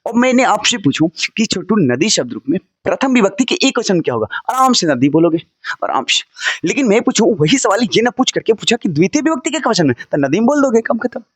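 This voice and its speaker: A man's voice: high-pitched, sing-song, quick pace, few pauses, slightly rough, no room sound. A male teacher giving a recorded lesson, drilling word forms with his students and repeating them over and over.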